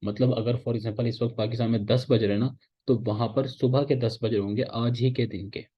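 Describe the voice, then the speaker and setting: A man lectures students in a relaxed, conversational way. He repeats points and keeps checking that they follow. His voice sits at an ordinary middle pitch, and the recording sounds a little dull and lo-fi. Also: fairly quick, slightly rough. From Pakistan. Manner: casual, repetitive teaching, often checks in with "theek hai". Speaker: instructor. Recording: slightly dull, lo-fi audio.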